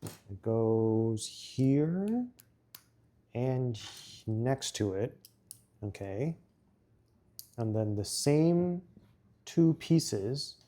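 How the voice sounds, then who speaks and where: A man chats casually while building a model set, muttering each step to himself. He talks at an unhurried, slow pace. His voice is mellow and dark. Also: mid-range voice, expressive, slight background noise.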